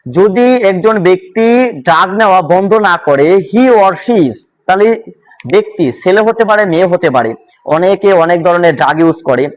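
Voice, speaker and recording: Male tutor, Bangladeshi Bengali accent, somewhat high voice, quick question-and-answer drilling. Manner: louder and more animated when solving questions. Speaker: vocabulary teacher. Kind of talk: exam-prep lesson.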